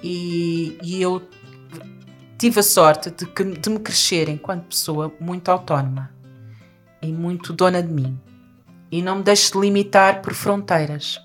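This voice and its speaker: A woman's voice: on the low side, a little slow, soft background music. A woman from Portugal, talking animatedly as a guest in a conversation, often restarting and laughing. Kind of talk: conversational discussion.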